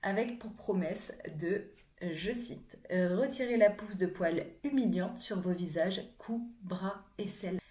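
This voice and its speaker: A young woman vlogs frankly and chattily, explaining things in a casual monologue full of fillers. Her voice is medium-pitched and mellow, and she takes it slowly, in an echoey room.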